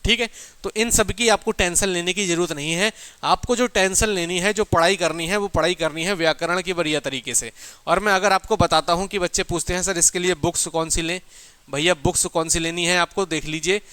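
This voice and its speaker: Here the coaching teacher's high, bright voice comes across clear and resonant, with no room sound at all. He lectures students informally to motivate them for exams, speaking emphatically and colloquially while answering questions he raises himself.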